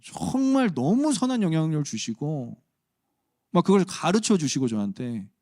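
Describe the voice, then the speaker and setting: A man's voice: on the high side, sing-song, normal speed, a little mellow, no echo, studio quality. A man preaching a sermon as pastor, conversational and humorous with emphatic turns. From Chungcheong region, Korea.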